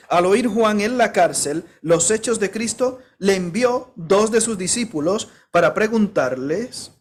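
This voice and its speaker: A man's voice: sits high, slight background noise. A male pastor preaching a sermon, emphatic, warning his listeners directly and asking them rhetorical questions.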